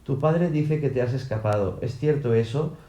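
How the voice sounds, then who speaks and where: Man reading a calm plain-spoken cop, mellow voice, roomy echo. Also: mid-range voice, normal speed, lightly acted. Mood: businesslike. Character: calm, matter-of-fact male police officer.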